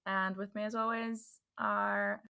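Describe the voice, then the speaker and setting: A woman in her thirties hosting a podcast in casual chat, thinking aloud with relaxed fillers. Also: medium pitch, measured pace, creaky, clear, resonant tone. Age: 30s. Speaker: podcast host.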